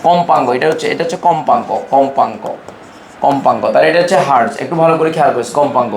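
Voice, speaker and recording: Speaking at a medium pitch, a man from Bangladesh runs a chemistry lecture, continually quizzing students with quick, informal, brotherly questions. The sound is roomy, with slight background noise.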